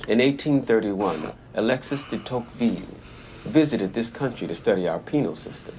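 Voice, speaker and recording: An actor playing a world-weary prison inmate who narrates in a blunt, sardonic, profane way. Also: male voice, fairly low pitch, animated, normal speed, lightly acted. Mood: reflective. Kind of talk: scripted TV drama monologue. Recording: audible background noise.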